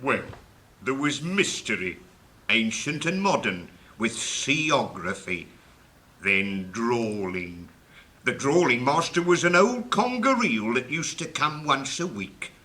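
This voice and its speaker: A man playing an old, stiff, mournful turtle, solemn and sentimental with drawn-out words, in a 1950s dramatised storybook recording. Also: mid-range voice, very animated, pushed and bright, exaggerated voice. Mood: solemn, nostalgic. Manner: slow, drawn-out, solemn delivery.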